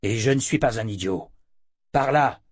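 A man's voice: mid-range voice, normal speed, dry recording, clean studio sound, close to an everyday voice. A man as a blunt young swordsman. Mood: firm.

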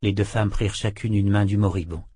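A man reading a novel aloud in a measured, even way. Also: on the low side, husky, no room sound, studio quality. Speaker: audiobook narrator. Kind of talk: scripted narration.

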